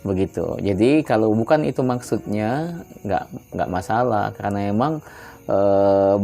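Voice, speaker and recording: A man from Palembang giving religious advice in a relaxed conversational way, often tagging his points with questions. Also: on the low side, unhurried, gravelly. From Palembang, South Sumatra. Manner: relaxed and chatty, often adds "ya kan" tag questions. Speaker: Islamic religious teacher.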